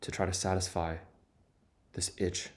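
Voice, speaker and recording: Earnest and confessional, the male vlogger thinks out loud in a personal monologue. His low voice keeps a fairly flat melody, and he speaks in short, deliberate bursts.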